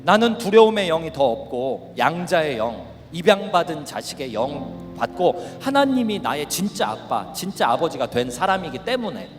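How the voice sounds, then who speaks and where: A middle-aged male pastor preaching at a youth camp, animated and shouting at the peaks. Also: on the high side, normal speed, hardly any pauses. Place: large worship hall. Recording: reverberant hall with faint music.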